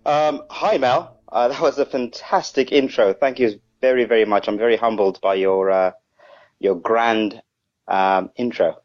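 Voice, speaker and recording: A man's voice: fairly low pitch, a little slow, muffled recording. A man from Zimbabwe, a radio guest, speaking politely and hesitantly with fillers. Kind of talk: interview conversation.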